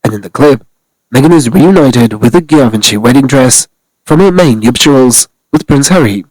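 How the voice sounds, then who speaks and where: A man's voice: medium pitch, animated, normal speed, darkish tone, no room sound, rough recording. A man narrating a scripted celebrity news commentary, reading steadily from articles.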